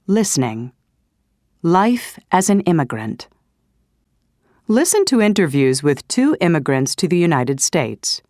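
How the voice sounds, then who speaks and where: A woman narrating a language lesson in a measured, announcing way. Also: on the low side, big pitch swings, darkish tone, no echo, clean studio sound. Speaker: course narrator.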